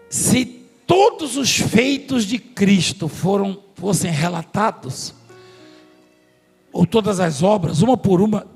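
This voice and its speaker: A man's voice: sits high, gravelly, husky. A man preaching a sermon in a large church hall, telling stories and joking with the congregation and staff. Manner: storytelling, jokes with the congregation and staff. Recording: long hall reverb, faint music.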